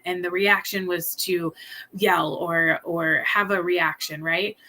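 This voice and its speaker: Bright-voiced woman coaching parents. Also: medium pitch. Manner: earnest, thinks aloud with many fillers and restarts; keeps asking "right?". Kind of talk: casual teaching talk.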